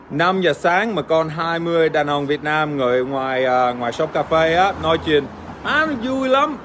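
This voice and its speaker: Aussie guy streaming, chats with fans in halting second language, swears for laughs, bit high voice, faint hiss behind. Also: fairly bright tone. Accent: Australian. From Australia. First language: English. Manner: crude, joking, swears playfully, halting with fillers. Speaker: livestream host. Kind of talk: casual livestream chat reading fan comments.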